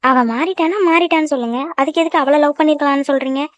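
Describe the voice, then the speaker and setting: A woman's voice: high voice, no echo, lightly acted. A woman voicing a jealous cartoon girlfriend. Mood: sulky, scolding. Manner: quick, sulky scolding. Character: young woman, jealous quick-tempered girlfriend. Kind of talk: cartoon voice acting.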